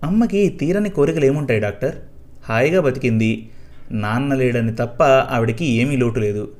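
A man's voice: medium pitch, moderate pace, a little mellow, close to an everyday voice. A man voicing a grieving middle-aged son in a spoken story, weary and pleading.

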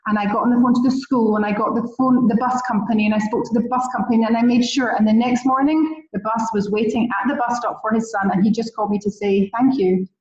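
Talking fast with hardly any pauses, a Scottish relocation concierge shares stories eagerly and chattily in a podcast interview. Her fairly high voice has a darkish tone and fairly even intonation; the audio is roomy, distant, and muffled.

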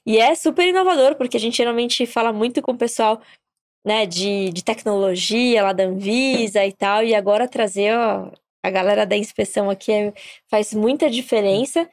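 A woman's voice: medium pitch, moderate pace, no room sound, clean studio sound. A woman co-hosting a podcast, introducing a guest with enthusiastic exclamations. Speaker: podcast co-host. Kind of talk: casual podcast interview.

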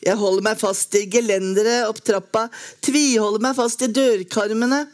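A woman reading a lyric poem aloud in a slow, measured, lyrical way with long pauses. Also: on the high side, steady tone. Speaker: poetry reader.

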